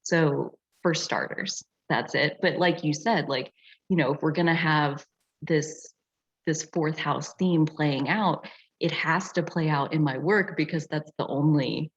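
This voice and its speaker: A husky, low-voiced woman takes her time as she teaches astrology on an online group call. She facilitates the session casually and reflectively, with frequent "like"s, and the video call audio is dull and lo-fi.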